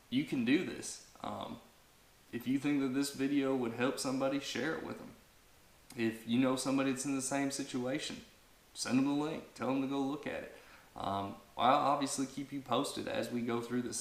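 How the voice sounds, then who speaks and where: A man in his thirties talks straight to camera for his family vlog. His pitch stays flat, and he rambles with fillers and false starts. The room around him is echoey. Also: creaky. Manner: rambling, many fillers and restarts. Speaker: vlog host. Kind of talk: casual talk to camera.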